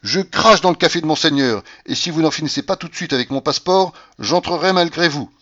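A man's voice: on the high side, animated, fairly quick, fairly bright tone, pitched above the performer's own voice. A man voicing a rude, hot-tempered young gambler with provocative haughtiness. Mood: defiant. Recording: dull lo-fi recording.

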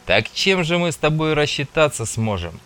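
A man voicing a scarred, gruff male stalker gang leader, speaking slowly and measuredly in an audiobook. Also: fairly high pitch, sing-song, fairly bright tone, soft background music, pitched above the performer's own voice. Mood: bargaining.

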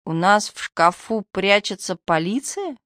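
Woman doing a sleepy, monotone father. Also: mid-range voice, a little slow, no echo, studio quality. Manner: drowsy, monotone.

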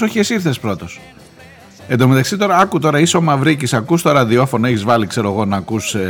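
A man hosting a radio show, telling a news story in a chatty, joking way. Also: medium pitch. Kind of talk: casual current-affairs commentary.

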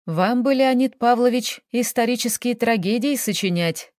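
A woman voicing a composed female detective who speaks calmly, firmly and with a touch of irony. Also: a little high, moderate pace, no room sound, studio quality, lightly acted. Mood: probing. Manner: calm, firm, slightly ironic.

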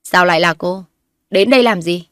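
Woman voicing a shrill spiteful mother-in-law. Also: expressive, normal speed, dry recording, clean studio sound, lightly acted. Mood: scornful. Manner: shrill, scolding, insulting.

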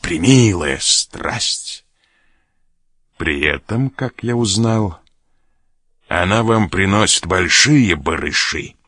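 A man's voice: sits low, lively intonation, slow pace, long pauses, fairly bright tone, breathy edge, no room sound, clean studio sound, full character voice. A man reading aloud as a sly sailor who mocks and threatens an officer. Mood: mocking. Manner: mocking, laughs at threats. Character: sly mocking sailor, blackmailing a major.

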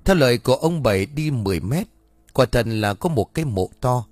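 A man narrating a story in a steady, even way. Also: mid-range voice, a little fast, dry recording, faint music behind. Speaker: audiobook narrator.

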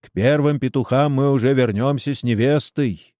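A man's voice: medium pitch, normal speed, a little mellow, dry recording, studio quality, natural voice. A man voicing a persuasive male village headman in a storybook reading, talking heatedly. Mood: urging. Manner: coaxing, heated.

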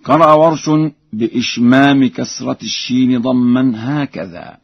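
A man's voice: mid-range voice, husky, no room sound. Man teaching recitation on dull dry radio. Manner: explains methodically, then demonstrates verses in slow recitation. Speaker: sheikh teaching Quran readings. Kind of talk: radio lesson on recitation variants.

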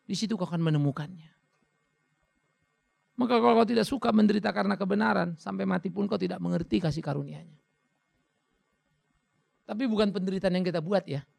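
A man preaching a fervent sermon as pastor, blunt and scolding, swinging between quiet, low talk and loud, high exclamations. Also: a little fast, creaky, long pauses, no echo.

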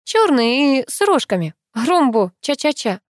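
A woman reading an audiobook who voices a sharp-tongued, flustered young woman with raised, exclamatory lines. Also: high voice, sing-song, a little slow, no room sound, clean studio sound, voice pushed up. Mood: fretful. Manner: loud, mocking, exclamatory.

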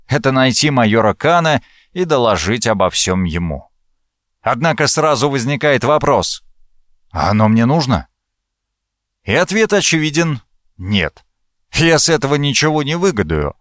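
A man reading a first-person fantasy audiobook as narrator, with expressive, lively intonation. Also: mid-range voice, no room sound, studio quality.

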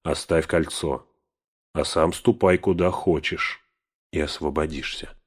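A man puts on an old male wizard for an audiobook, with a low, deep voice. He speaks in a measured, steady way, probing patiently. When crossed he grows stern and warning without losing control. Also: breathy edge, exaggerated voice.

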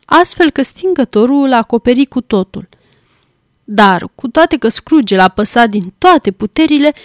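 A woman reading a classic tale aloud as an audiobook, measured and clear. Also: on the high side, no room sound, clean studio sound. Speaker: volunteer audiobook reader. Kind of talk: scripted audiobook narration.

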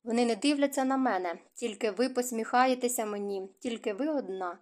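A man's voice: very high-pitched, a little fast. A woman reading a lovesick young man who stammers and pleads with the girl he loves. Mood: sorrowful. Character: lovesick clumsy young male suitor, stammering.

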